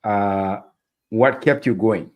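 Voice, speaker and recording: A man's voice: lowish voice, slow pace. A man hosts an interview conversation, encouraging his guest and affirming her answers. He tends to repeat his phrases for emphasis as he asks his questions. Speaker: interview host.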